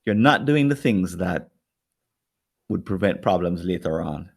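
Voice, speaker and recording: A podcast co-host with a Jamaican accent chats casually in a very low, gravelly voice with lively intonation and a measured pace. As he works out a point, he rambles, repeats and doubles back on words while thinking, and acts out the people he quotes.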